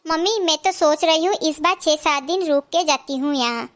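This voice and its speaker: A woman's voice: sits high, normal speed, fairly bright tone. A woman playing a chatty married daughter who is visiting her family home, in a comedy skit. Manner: chatty, coaxing.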